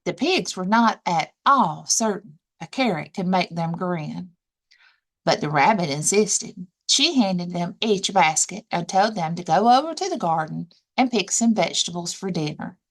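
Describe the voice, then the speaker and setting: In a fairly low-pitched voice, a woman who works as a librarian narrates a picture book for children, taking her time and leaning expressively on every action word.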